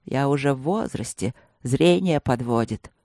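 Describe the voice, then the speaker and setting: A reader voicing a wise old grandfather tiger who speaks in an unhurried sing-song. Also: medium pitch, lively intonation, mellow, dry recording, clean studio sound, voice pushed down.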